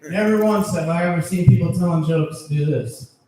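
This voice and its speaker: Amid a noisy background, a comedian with a voice on the high side runs a crude, expletive-laden set on a club stage, chuckling at his own jokes, at a moderate pace. His handheld stage mic is picked up from a distance in an echoey room with an audience present.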